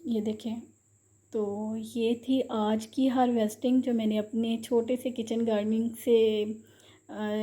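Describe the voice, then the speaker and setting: Chatty young woman vlogger, dark tone. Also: on the high side. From Pakistan. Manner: chatty, emotional, recites a ghazal. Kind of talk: casual vlog narration.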